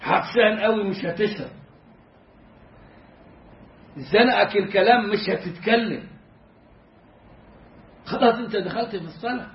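Very high-voiced Egyptian teacher. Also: male voice, normal speed, pauses often, reverberant, lo-fi sound. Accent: Egyptian Arabic. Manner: humorous, demonstrative, drawing out words to teach pronunciation. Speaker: Islamic jurisprudence teacher. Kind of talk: religious lesson.

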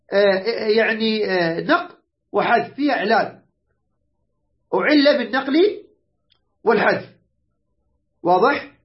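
A teacher with an Iraqi Arabic accent gives an online grammar lesson, explaining patiently, repeating words slowly, spelling out letters, and frequently checking that students are following. The voice is medium-pitched, and the recording's highs are cut off.

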